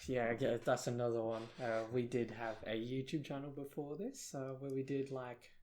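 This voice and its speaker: A young adult South African co-host with a British accent chats casually on a podcast, rambling, self-deprecating, and heavy on fillers. His voice sits in the mid-range, delivered flatly at normal speed with a darkish tone.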